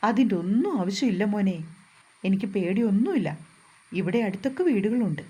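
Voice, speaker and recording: A woman reading out a kindly older mother who soothes her son and daughter-in-law. The tone is mellow and slightly breathy, with a gentle, caring manner. It comes from a storybook narration. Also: medium pitch, expressive, a little fast. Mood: motherly.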